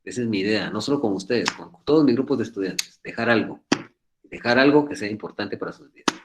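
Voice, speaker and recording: A man teaching an online law class over a video call, talking fast in an earnest, fatherly, repetitive way. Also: on the low side, background noise. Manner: talks fast, admits he speaks too quickly. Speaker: law professor.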